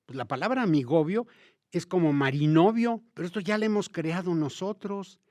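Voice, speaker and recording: A Mexican man with a Mexican Spanish accent talks about the Spanish language in a conversational way, emphatic and lively, turning often to his listeners. His voice sits a little high for a man. The recording is dry and close, with almost no room sound. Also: moderate pace, no echo. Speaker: host of a language talk show. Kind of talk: conversational explanatory talk.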